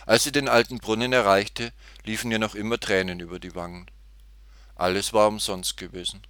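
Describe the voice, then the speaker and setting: A man narrating a children's story in an expressive, animated way, recorded close on the mic. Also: lowish voice, brisk, clean tone, no room sound. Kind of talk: storybook reading.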